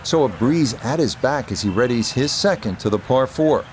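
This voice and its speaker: A man giving measured, understated live golf commentary as the lead announcer. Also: medium pitch, animated. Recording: outdoor crowd noise, loud background ambience. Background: golf course crowd and ambience.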